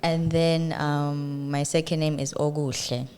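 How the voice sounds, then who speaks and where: A young woman from South Africa speaks in a low voice, patiently explaining sounds as a guest in a casual chat. She talks as a teacher would, calm and easy. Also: unhurried. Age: young adult. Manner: patient, explains pronunciation, laughs easily. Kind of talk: casual interview.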